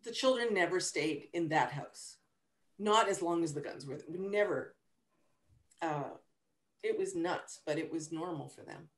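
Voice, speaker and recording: A woman author on a video call, telling stories with dark humor in a lively, restarting way. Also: fairly low pitch, a little slow, reverberant. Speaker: author at a book launch. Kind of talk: casual interview chat. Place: virtual event from home.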